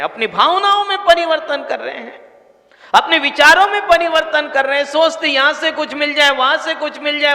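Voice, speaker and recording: A man's voice: very high voice, sharp tone. A man preaching a sermon, addressing the audience earnestly and directly. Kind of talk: Hindi sermon. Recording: echoey hall with long reverb.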